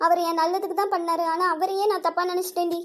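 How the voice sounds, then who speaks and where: Woman doing a cartoon young woman, very high voice, Tamil accent, betrayed, tearful. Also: flat delivery, fast. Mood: grieving. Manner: scornful, then sobbing and pleading. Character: young woman heartbroken by a deceitful lover. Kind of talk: cartoon dub acting.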